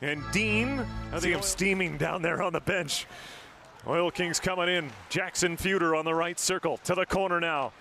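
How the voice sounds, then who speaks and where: A man's voice: high voice, moderate pace, over music. A man doing live hockey play-by-play on a broadcast mic, rattling off each pass and shot in short, clipped calls. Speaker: play-by-play announcer.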